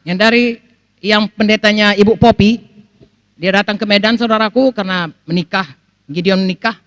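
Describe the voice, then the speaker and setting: A woman's voice: fairly high pitch, no room sound. A middle-aged woman pastor from Sumatra, preaching a sermon and acting out the people she quotes. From North Sumatra. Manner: animated preaching, acts out quoted voices, keeps addressing the congregation.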